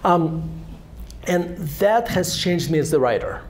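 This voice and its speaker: He speaks slowly, his high voice a little mellow and lively in intonation. The man is a Russian-accented author in his forties, the guest at a fireside chat in a synagogue hall, and over a handheld microphone he wanders through stories that tease himself and often restart.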